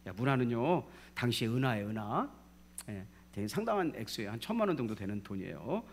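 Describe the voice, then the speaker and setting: A middle-aged man with a Jeolla Korean accent preaching a sermon, calling out for amens and swinging from loud to hushed. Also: medium pitch, sing-song, fairly quick, a little hiss or hum. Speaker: pastor.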